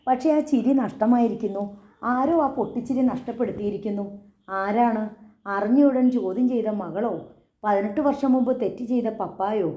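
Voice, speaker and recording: Mellow woman narrating a dramatic story. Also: fairly high pitch, moderate pace. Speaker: audiobook narrator. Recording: echoey, slightly dull recording.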